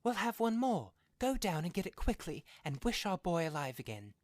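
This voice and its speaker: A man's voice: sits high, very animated, normal speed, no echo, voice pushed up. A man voicing a desperate old woman, a grieving mother crying out urgently and wildly in a story reading. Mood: excited, desperate. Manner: wild, urgent cries and commands.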